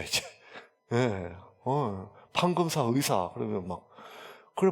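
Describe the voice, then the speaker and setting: Male pastor, mid-pitched, folksy sermon storytelling, long church reverb. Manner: chatty storytelling with many fillers. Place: church sanctuary.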